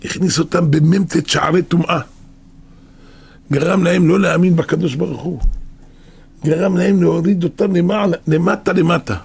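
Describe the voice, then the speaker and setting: A man preaching a sermon, telling a parable with animated, repetitive emphasis. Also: on the high side, vocal fry, husky.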